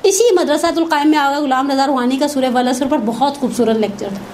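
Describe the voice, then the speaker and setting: A woman gives a religious lecture in a high, light voice. She talks conversationally and drops in personal asides between recited Arabic quotations. A faint hum sits behind her. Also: quick pace. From Pakistan.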